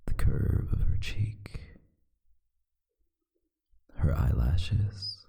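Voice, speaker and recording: In a whispered ASMR roleplay, a man plays a brooding vampire boyfriend who is lovesick, murmuring tenderly and intimately with long pauses. His bass voice is breathy, gravelly and warm, yet exaggerated, and the mood is tender and adoring.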